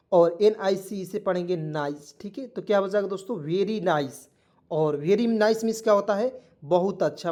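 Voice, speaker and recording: A man's voice: high voice, a little mellow. Hindi-accented man teaching English, repetitive. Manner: repetitive, keeps asking "ठीक है" and quizzing; spells words letter by letter. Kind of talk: online spoken-English lesson.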